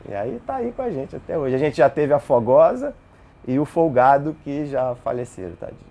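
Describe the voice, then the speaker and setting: A man, telling lively personal stories in a casual interview. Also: a little high, fairly quick, vocal fry. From Brazil. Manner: animated, acts out dialogue in his stories.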